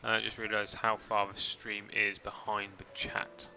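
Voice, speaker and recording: A man's voice: on the low side, monotone, unhurried, gravelly, pushed and bright, soft background music. A man casually rambling through a game stream, chatting to viewers with mild swearing. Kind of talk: casual gameplay commentary.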